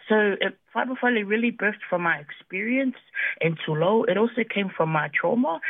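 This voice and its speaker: An upbeat, fairly high-voiced man talks about his tech venture as a radio guest. His voice comes through a narrow, phone-like band, with no room sound around it. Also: breathy edge, no echo. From New Zealand. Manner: upbeat, laughs often, proud of his roots. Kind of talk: radio interview.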